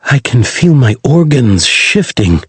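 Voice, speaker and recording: A man's voice: medium pitch, big pitch swings, slow pace, slightly rough, no room sound, full character voice. A man voicing a young woman fighter who speaks in a blunt, matter-of-fact way.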